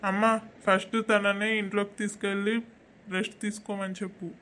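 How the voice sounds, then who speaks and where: A man's voice: high-pitched, completely flat delivery, a little fast, sharp tone. A man playing an upset young village husband. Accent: Telangana Telugu. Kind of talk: village comedy skit acting.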